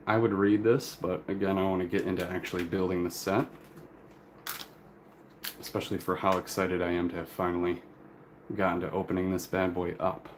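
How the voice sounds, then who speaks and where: A man hosting a casual, unscripted live stream, talking in a rambling, apologetic way as he works with his hands. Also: low-pitched. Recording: clear noise, crinkling plastic and paper. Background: crinkling bags and paper rustle.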